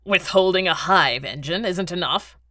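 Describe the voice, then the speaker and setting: A man's voice: high-pitched, normal speed, bright, forceful tone, dry recording, clean studio sound. A woman reading a cold, condescending baron. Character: contemptuous scheming middle-aged male baron.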